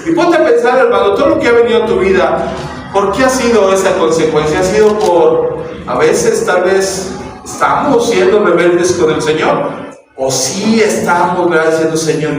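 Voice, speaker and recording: Mexican man, pastor, sermon, fairly high voice, booming echo, distant mic, faint hiss. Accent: Mexican Spanish. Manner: acts out quoted voices, asks the crowd questions. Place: church hall.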